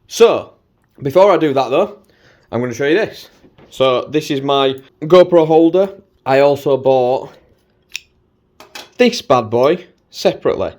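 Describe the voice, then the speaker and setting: A man's voice: mid-range voice, darkish tone. A British man giving a casual, chatty walkthrough of gear as a vlogger, with a cheeky, slangy, informal way of talking. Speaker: motovlogger presenting gear.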